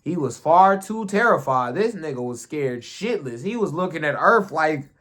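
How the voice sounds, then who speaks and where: A man casually recapping TV episodes in profane, slangy, animated storytelling. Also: on the high side, normal speed. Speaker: show recapper.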